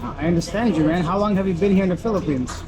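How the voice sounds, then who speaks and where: A man interviewing passers-by on the street, asking short friendly questions and giving quick affirmations. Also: high voice, low-quality recording.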